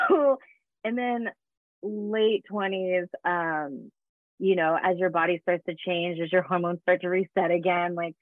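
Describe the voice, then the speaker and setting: A woman's voice: fairly low pitch, fairly even intonation, unhurried, no echo. Chatty woman on a tinny line. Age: 30s. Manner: chatty, laughing, many fillers. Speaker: guest, fitness business founder. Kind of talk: casual interview storytelling.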